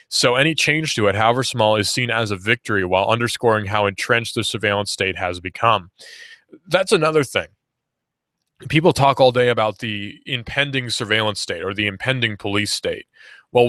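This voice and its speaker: A young man in his late teens hosts a talk radio show, his medium-pitched voice sharp in tone. He offers sarcastic, argumentative commentary and repeats points for emphasis, recorded on a studio microphone with no echo.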